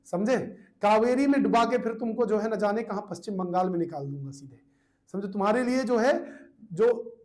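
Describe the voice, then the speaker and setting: A man's voice: sits high, normal speed, darkish tone. A man teaching a quiz lesson for exam students, repeating answers and scolding playfully. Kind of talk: online class quiz lesson.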